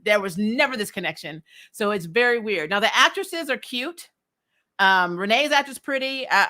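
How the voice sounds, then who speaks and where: This time the recap show host's mid-range voice comes across as bright and forceful. Recapping comics TV for livestream viewers, she's casual and outspoken, cursing freely and frequently breaking into laughter.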